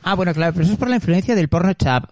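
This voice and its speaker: A man with a slightly high voice chats gossipily on a podcast. He is eager and theatrical, savoring every anecdote. The sound is close and dry. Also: expressive, rapid-fire, dry recording. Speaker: podcast co-host. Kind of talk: casual chat.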